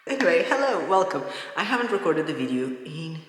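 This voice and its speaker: An excitable woman from Portugal, a native Portuguese speaker, chatting casually in a rambling vlog update, with big hall-like echo from an empty house. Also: lowish voice, fast talker, heavy background noise. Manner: excitable, rambling, self-interrupting. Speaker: vlogger. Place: empty newly built house, indoors. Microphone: microphone with a fuzzy windscreen.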